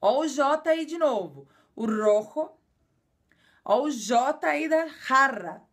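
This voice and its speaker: Brazilian woman, high voice, casual video teacher who repeats and explains patiently. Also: animated, a bit bright. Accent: Brazilian Portuguese. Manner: explains slowly and repeats words, frequent filler "é". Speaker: language teacher.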